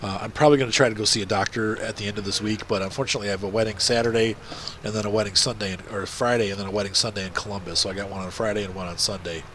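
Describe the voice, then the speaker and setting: A man's voice: lowish voice, fairly even intonation, racing, fairly bright tone, slight background noise. A man with a congested, blocked-up nose giving casual, rambling gameplay commentary as a video host. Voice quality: congested, blocked nose, nasal stuffy sound.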